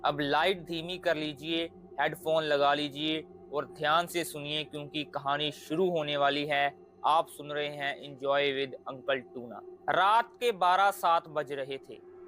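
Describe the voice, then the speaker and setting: A man narrating a scripted horror story as a channel host, with a slow, hushed, suspenseful delivery. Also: a little high, low-quality recording.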